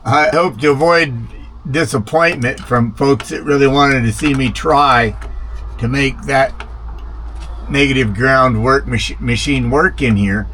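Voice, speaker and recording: A man with a medium-pitched, fairly bright voice speaks at a measured pace while installing a vintage radio for his vlog. He narrates casually and rambles a little as he thinks aloud, with vehicle ambience and clear background noise in the recording.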